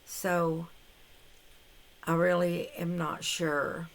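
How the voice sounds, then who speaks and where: A woman's voice: on the low side, level tone, very slow. An older woman vlogging casually to camera, rambling and hesitant, with frequent restarts. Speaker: vlogger on a carnivore diet challenge. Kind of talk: casual talking-to-camera vlog.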